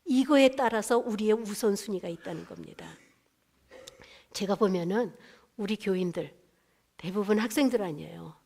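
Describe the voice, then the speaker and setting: A woman's voice: medium pitch, normal speed, gravelly, long pauses, darkish tone, slight background noise. A woman pastor giving a conversational testimony sermon, asking the congregation questions and dropping English words into her talk.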